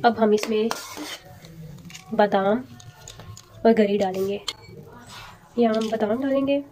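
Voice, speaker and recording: A woman host walking viewers through a home recipe with calm, polite, step-by-step instructions. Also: on the high side, slow, a little hiss or hum. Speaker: cooking channel host.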